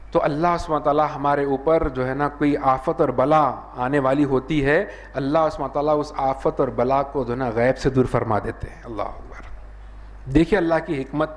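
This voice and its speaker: A man preaches with a Hyderabadi Urdu accent in a voice that sits a little high for a man. He talks earnestly and keeps returning to a habitual filler phrase. He raises his voice sharply when he acts out the dialogue in his stories. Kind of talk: sermon.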